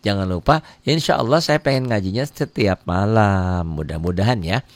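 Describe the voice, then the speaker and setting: A middle-aged man teaching Quran reading in a casual, chatty live online lesson, answering viewer comments and acting out little dialogues, sounding a bit tired. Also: no room sound. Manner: casual, chatty teaching with quick pitch jumps and acted-out dialogue.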